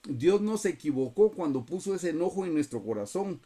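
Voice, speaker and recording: A man preaches a Bible lesson over a video call, his voice set a little high yet mellow and soft-edged. He speaks earnestly and keeps calling out to his listeners as brothers. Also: expressive, fairly quick. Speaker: Bible study teacher.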